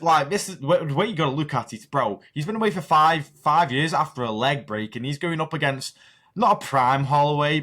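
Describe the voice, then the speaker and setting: A man makes his case on a podcast, earnest and restarting phrases as he goes. His voice sits slightly high. It sounds like casual talk between friends. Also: fairly bright tone. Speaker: podcast co-host. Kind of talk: casual chat.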